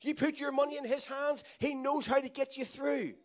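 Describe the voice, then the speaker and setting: This sermon comes from a pastor whose voice is very high-pitched, with fairly even intonation and a moderate pace. He preaches emphatically, repeating phrases and calling to the congregation in a call-and-response manner.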